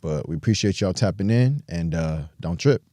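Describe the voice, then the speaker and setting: Casting: low, warm-toned American host, easygoing and slangy. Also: male voice, expressive, moderate pace, no room sound. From United States. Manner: laid-back, slangy, many fillers. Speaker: podcast host. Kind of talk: casual chat.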